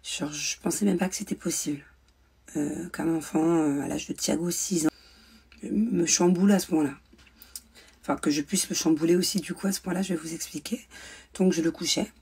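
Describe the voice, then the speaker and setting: A woman's voice: deep voice, steady tone, normal speed, vocal fry, darkish tone, slightly rough. A young woman telling a personal story in a vlog, hesitant with many fillers and restarts. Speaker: mother vlogger. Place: indoors at home, ring light.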